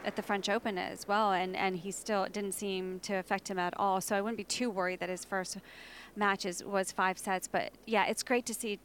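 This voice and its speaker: A woman breaks down tennis points in a conversational, agreeable way. Her voice sits at a middle pitch, and steady noise runs behind her on the broadcast. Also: moderate pace, few pauses. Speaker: tennis co-commentator. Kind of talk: live sports analysis.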